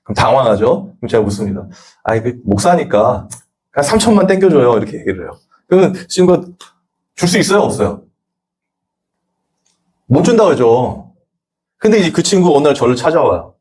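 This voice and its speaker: A man's voice: mid-range voice, sing-song, fairly quick, long pauses, a little mellow. A male pastor giving a conversational sermon at a Sunday church service, telling stories and acting out the dialogue.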